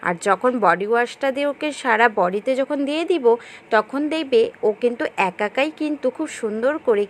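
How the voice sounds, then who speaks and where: A young woman from Bengal chatting to viewers in a casual home vlog, explaining her chores. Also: fairly high pitch. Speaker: vlogger. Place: small home. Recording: noisy home recording.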